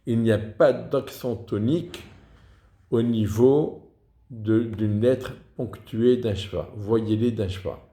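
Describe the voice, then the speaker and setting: Slow, deep-voiced man teaching. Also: warm tone, echoey room. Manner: deliberate, pausing to chant example words. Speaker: teacher of Hebrew liturgical reading. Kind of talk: slow explanatory lesson.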